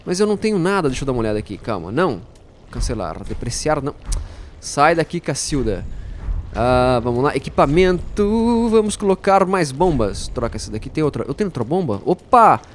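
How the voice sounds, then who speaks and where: A man giving playful, jokey let's-play commentary, talking to his viewers and bursting out excitedly during fights. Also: a little high, brisk, slight background noise. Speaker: gaming YouTuber.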